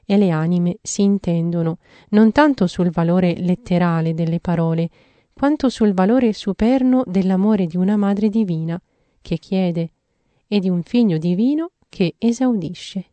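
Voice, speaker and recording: A woman giving a measured, earnest reading of a devotional theological text. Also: on the low side, dark tone, no room sound.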